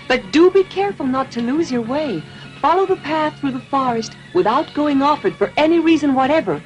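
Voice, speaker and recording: A woman voicing a gentle, motherly fairy who soothes and mildly scolds a puppet boy in a cartoon. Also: high-pitched, animated, a little fast, muffled recording, soft background music.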